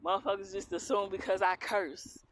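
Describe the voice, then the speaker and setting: A fairly quick, medium-pitched woman with fairly even intonation and a strong Southern accent rants to camera. She's a young tarot reader from Philadelphia who grew up in the US South, blunt, defiant and full of cursing, with clear background noise.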